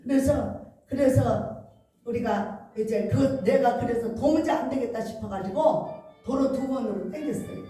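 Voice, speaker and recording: A woman's voice: fairly high pitch, a little slow, warm tone, soft background music. A middle-aged woman pastor giving a chatty revival sermon, telling stories and acting out the quoted dialogue. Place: large church hall. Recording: echoey hall from far off.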